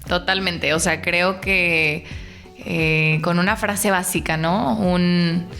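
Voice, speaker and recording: A woman's voice: on the low side, fairly even intonation, slow pace, fairly bright tone, soft background music. Woman chatting on a podcast. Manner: agreeable, explains with everyday examples. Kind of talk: casual podcast discussion.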